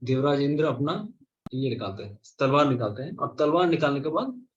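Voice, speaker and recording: A man giving an animated storytelling lecture at a scripture class, asking and answering his own questions. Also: medium pitch, fairly quick, a little hiss or hum. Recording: slightly dull lo-fi recording.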